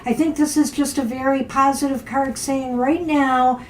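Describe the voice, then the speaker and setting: A woman co-hosting a tarot live stream in a somewhat high voice. She is chatty, encouraging and upbeat as she reads for viewers. A faint hiss of noise runs beneath her. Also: little pitch movement, normal speed. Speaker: tarot reader, co-host.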